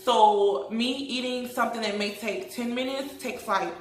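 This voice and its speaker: A woman's voice: on the high side, measured pace. A woman in her thirties with a lisp from wearing braces, chatting casually and emphatically to followers in a rambling vlog. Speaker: vlogger. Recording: roomy, echoey home recording.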